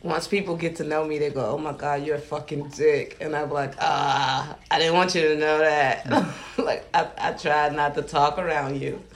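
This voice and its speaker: A man's voice: fairly high pitch, steady tone, normal speed, gravelly, few pauses. A man in his twenties, a comedian from the Kansas City area, chatting as a podcast guest with dry, self-deprecating humor. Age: 20s. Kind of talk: casual interview chat.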